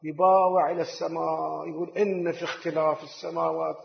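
A man preaching a sermon, his voice sitting fairly high. He drawls out recited verses and rushes through casual asides. The recording is echoey and dull, with a lo-fi tone. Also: flat delivery, vocal fry. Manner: slows to recite scripture, quick asides in dialect. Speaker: cleric. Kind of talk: religious sermon.

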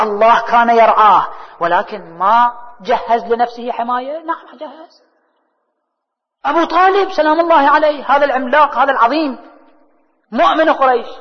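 A man preaching a religious sermon, asking rhetorical questions and answering them himself, his voice rising and falling between soft and loud. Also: very high voice, fairly quick, pauses often. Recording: dull hall recording with long reverb.

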